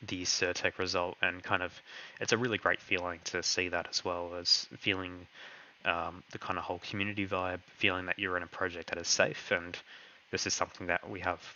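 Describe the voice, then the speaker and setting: A man's voice: low voice, little pitch movement, brisk, pushed and bright, muffled recording. A man hosting a live online Q&A who is losing his voice and talks with many hesitations and fillers. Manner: hesitant, heavy on fillers and "kind of". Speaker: crypto project host answering community questions.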